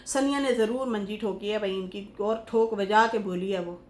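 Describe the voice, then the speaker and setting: A woman's voice: medium pitch, moderate pace, a little mellow. A woman giving chatty, scolding reaction commentary as a YouTube host, breaking into mocking impressions.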